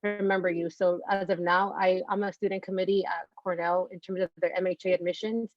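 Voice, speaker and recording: Woman from california, grad student panelist, earnest advice, low flat voice, dry dull audio. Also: brisk, dry recording. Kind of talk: casual panel answer.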